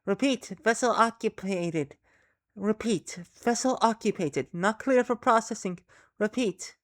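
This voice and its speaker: A woman's voice: mid-range voice, a little slow, pitched above the performer's own voice, close to an everyday voice. A woman voicing an elegant alien heard over a radio, speaking in clipped, formal commands.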